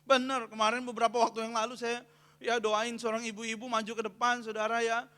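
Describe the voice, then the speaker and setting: A man's voice: extremely high pitch, little pitch movement, a little fast, pushed and bright, clean tone. A man preaching a sermon as pastor, calling out questions to the congregation and having them fill in the answers. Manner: call-and-response preaching, often asking the congregation to finish his sentences. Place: church hall. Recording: long reverb of a church hall.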